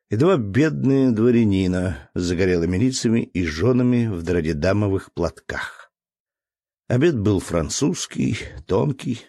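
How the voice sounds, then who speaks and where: Low-voiced male audiobook narrator. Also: dark tone, dry recording, clean studio sound. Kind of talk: scripted narration of a classic novel.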